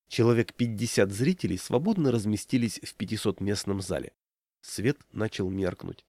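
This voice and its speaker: A man narrating a story in a measured, ironic way. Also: mid-range voice, darkish tone, no room sound, clean studio sound. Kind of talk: audiobook storytelling.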